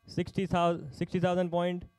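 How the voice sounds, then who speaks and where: A man's voice: sits high, completely flat delivery, normal speed, darkish tone, dry recording, poor audio. A man working as an auctioneer at a live sports player auction, calling out bids in short, repeated phrases.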